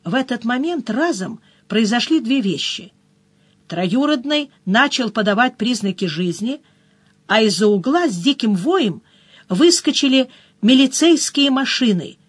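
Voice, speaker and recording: A woman narrating a first-person audiobook in a brisk storytelling manner, with short dips into other characters' voices. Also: fairly high pitch, lively intonation, breathy edge, dry recording.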